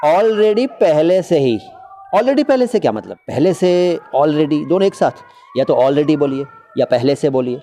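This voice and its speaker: A man's voice: a little high, big pitch swings, unhurried, dark tone, slight background noise. A middle-aged man giving a casual spoken lesson on Hindi and Urdu usage, repeating words to model how they should be said. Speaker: Hindi-Urdu language teacher.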